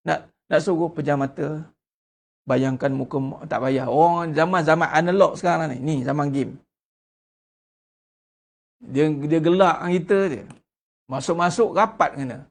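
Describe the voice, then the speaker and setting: A middle-aged man with a Malaysian Malay accent, preaching a sermon in a blunt, lively way and acting out the people he quotes. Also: a little high, normal speed, vocal fry, long pauses. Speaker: religious teacher.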